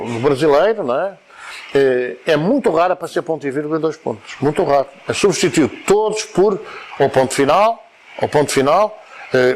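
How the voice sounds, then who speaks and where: A man's voice: on the high side, slight background noise. A man with a European Portuguese accent giving an informal spoken lecture to a study group, wandering between points, repeating words and explaining with examples.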